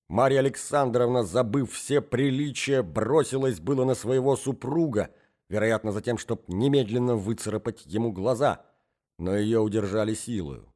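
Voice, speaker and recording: A man reading an audiobook of a classic novel in measured, even narration. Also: mid-range voice. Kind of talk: scripted narration.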